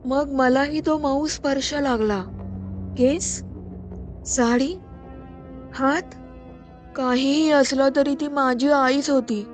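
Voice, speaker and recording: A woman storyteller and podcast host giving a scripted, slow and suspenseful narration. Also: high voice, fairly even intonation, faint music behind.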